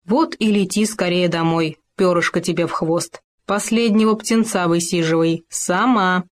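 A woman's voice: on the low side, moderate pace, lightly acted. A woman voicing a bossy, meddling male hamster who lectures and scolds in a storybook tale. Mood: lecturing. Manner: preachy, scolding.

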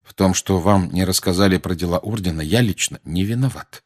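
A man reading aloud and voicing a grown wizard who speaks calmly and coldly but also with defiance. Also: lowish voice, fairly quick. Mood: cool. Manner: calm, cold, and sometimes irritated. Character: cool, defiant grown wizard, godfather type.

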